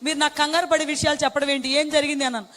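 Brief: very high-pitched, fast-talking woman, tearful dramatic testimony. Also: flat delivery, a bit bright, big-room sound. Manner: tearful, dramatic retelling with quoted dialogue. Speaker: testimony speaker. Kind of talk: emotional personal testimony.

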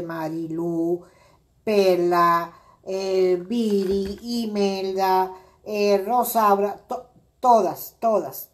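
A middle-aged woman hosting a crafting video, chatting casually and rambling with many fillers as she greets viewers by name. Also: medium pitch. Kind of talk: casual crafting livestream chat.

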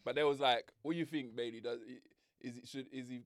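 A young man, co-hosting a casual chat show and telling animated stories. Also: a little fast, no room sound. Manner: animated storyteller, jumps pitch when acting out others. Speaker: podcast co-host.

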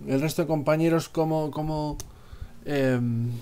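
Higher-voiced Spanish man as game master. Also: fairly even intonation, measured pace, mellow, a little hiss or hum. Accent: Spain. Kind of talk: improvised tabletop game narration. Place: small indoor room at home.

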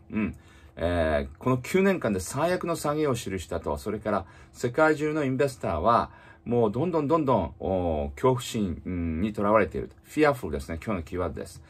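A man teaching English in casual spoken style, reading slowly and explaining with many fillers. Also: lowish voice, breathy edge.

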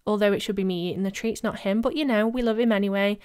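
Young woman, casual voice-over, chatty, self-mocking, smooth clear tone, mid-pitched. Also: quick pace, darkish tone. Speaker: vlogger. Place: home studio, voice-over recorded separately.

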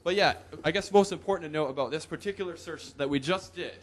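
Speaking a little high and fast, this young conference presenter keeps his live tech talk loose and full of jokes. He's at a podium microphone in a hall, and the audience responds with whoops and laughter.

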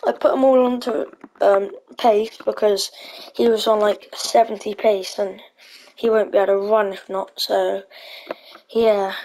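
A woman's voice: medium pitch, little pitch movement, unhurried, darkish tone, rough recording. Chatty woman thinking aloud over a game. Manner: chatty, hesitant, thinking aloud with frequent ums. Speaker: gaming channel host. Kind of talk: casual gameplay commentary.

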